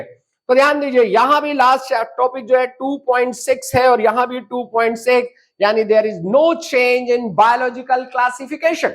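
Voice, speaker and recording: A biology teacher walks students through syllabus changes at an unhurried, deliberate pace, in a voice of middling pitch. English terms slip into the talk, and points get hammered home by listing items and repeating them. Rhetorical questions are thrown straight at the class. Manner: mixes English terms into Hindi; addresses students directly with quiz questions. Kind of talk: exam-prep syllabus lesson.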